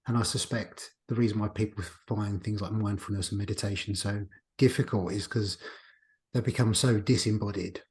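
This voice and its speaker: Thinking aloud and restarting his sentences often, a male podcast host holds a casual, reflective conversation. He has a lowish, slightly mellow voice, keeps a steady tone, and talks at normal speed.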